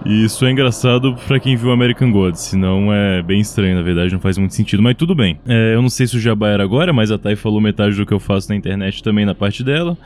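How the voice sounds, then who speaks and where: A man's voice: on the low side, fast, hardly any pauses, darkish tone, a little hiss or hum. A Brazilian man chatting casually as a podcast guest, joking and rambling a little. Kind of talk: casual chat.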